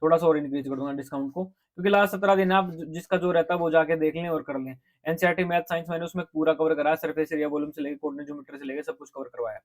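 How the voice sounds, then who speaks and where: A man's voice: a little high, steady tone, rapid-fire, few pauses. A man, a coaching teacher giving exam advice to students in a casual, direct lecture, often checking in with his listeners. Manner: direct, repeats "ठीक है?" to check in.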